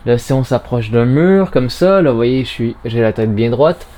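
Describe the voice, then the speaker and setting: A man's voice: mid-range voice, lively intonation, moderate pace, mellow. Chatty man demonstrating audio gear. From Canada. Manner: chatty, informal, narrates own movements step by step. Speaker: podcast host reviewing audio recorders. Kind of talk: casual product demonstration. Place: small home studio and narrow hallway. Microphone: recorder's internal mic, later binaural in-ear microphones.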